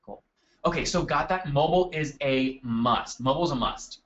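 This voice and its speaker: A man's voice: medium pitch, normal speed, a bit bright, lo-fi sound, a little hiss or hum. A man hosting a live marketing webinar from his desk, upbeat and chatty, calling on attendees by name. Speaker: webinar host. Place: at a desk indoors.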